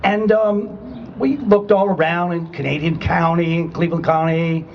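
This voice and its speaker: Gravelly and a little high, this voice holds a steady tone at a slightly slow pace, on lo-fi sound. It's a retired Army man in his sixties from Rhode Island and Connecticut, with a New England accent, speaking conversationally and emphatically at a public state capitol rally and checking in with "okay?"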